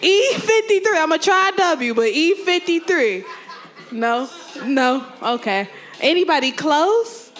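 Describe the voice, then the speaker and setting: A woman's voice: high-pitched, animated. A young woman calling bingo numbers at a community event on a handheld mic, repeating each number and laughing and joking with the crowd. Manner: slow, repeats every number, laughs often, jokes with the crowd. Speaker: bingo caller. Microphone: handheld microphone.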